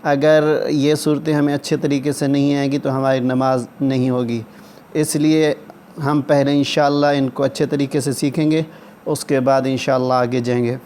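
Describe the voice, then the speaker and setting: A male Quran teacher who explains pronunciation quickly and then slowly chants and repeats the verses so a student can follow. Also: medium pitch, level tone, darkish tone, slight background noise. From Pakistan.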